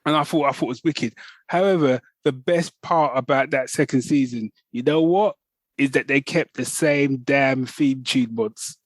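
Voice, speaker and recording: Here a medium-pitched man talks at a moderate pace as a podcast co-host in a relaxed, enthusiastic chat. He keeps restarting and rambling, and there is no room sound.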